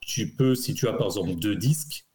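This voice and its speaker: A man's voice: on the low side, brisk, a little mellow. A man on a casual tech podcast giving a technical explanation. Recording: roomy echo.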